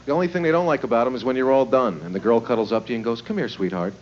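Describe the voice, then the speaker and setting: Smutty stand-up man, swooping lively pitch. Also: racing. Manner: leering, smutty joking; conversational, rhetorical questions and acted-out quotes. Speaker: stand-up comedian. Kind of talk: live stand-up comedy routine. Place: live stage before a laughing audience. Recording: noisy, muffled live club recording.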